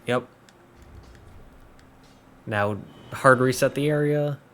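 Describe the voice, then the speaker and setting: A man's voice: mid-range voice, slow, a bit bright. A man giving casual, joking commentary as he plays through a game. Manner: chatty, joking asides. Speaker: gameplay commentator.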